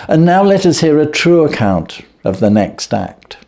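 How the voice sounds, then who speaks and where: A man reading aloud and voicing a stern, clever detective who calmly accuses a thief. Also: a little high, creaky, pitched above the performer's own voice, heavily acted. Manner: stern, cutting, measured. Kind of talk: reading a classic story aloud.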